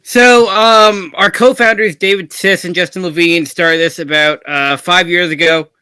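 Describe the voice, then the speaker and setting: A man's voice: sits high, fairly even intonation, a little slow, pushed and bright, smooth, no room sound. A man, a hockey writer, eagerly telling his story as a podcast interview guest.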